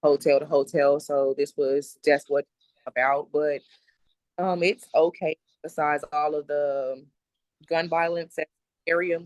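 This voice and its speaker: A woman from South Dallas, answering interview questions in a soft-spoken, plain, halting way. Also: low voice, little pitch movement, no echo. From South Dallas, Texas. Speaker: interviewee, mother. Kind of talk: personal interview.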